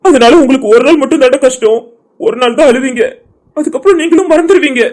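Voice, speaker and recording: A voice artist voicing a grieving young man in an animated cartoon drama, pleading, tearful and broken. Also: sits high, quick pace, lightly acted.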